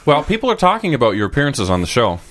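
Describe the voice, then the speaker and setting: A man's voice: medium pitch, fast, a little hiss or hum. A man hosting a comedy podcast, chatting and teasing his guest in a playful way. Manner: playful, teasing, lively intonation. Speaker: podcast host. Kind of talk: casual comedy chat.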